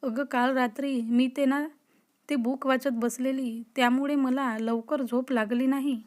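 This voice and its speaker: A woman reading the lines of a shy young college woman, flustered and mildly scolding her friend, in a high voice. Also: fairly even intonation, unhurried, darkish tone.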